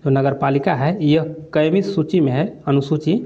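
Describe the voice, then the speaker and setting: A man's voice: on the high side, normal speed, mellow, dull audio. A man going through exam quiz questions as a coaching teacher, repeating each answer and adding "theek hai" as a filler. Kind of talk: quiz lesson walkthrough.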